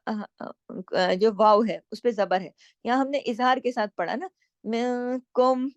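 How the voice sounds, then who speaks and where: A woman teaching Tajweed, explaining each recitation rule patiently and drawing out the verses slowly. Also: medium pitch, a little mellow, no echo. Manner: patient, explains each rule step by step with repeated questions and answers.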